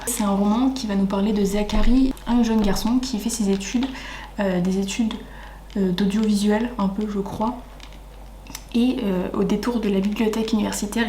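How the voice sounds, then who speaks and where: Chatty young woman in an echoey room. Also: medium pitch. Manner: chatty, enthusiastic, often dips into soft breathy asides. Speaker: book vlogger. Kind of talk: casual chat. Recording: echoey room with faint ambient noise.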